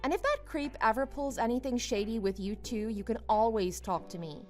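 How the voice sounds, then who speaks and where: An actress playing a friendly, earnest young female office worker, confiding and expressive, in a dramatized story. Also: on the high side, moderate pace, faint music behind, close to an everyday voice. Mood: grateful, warm.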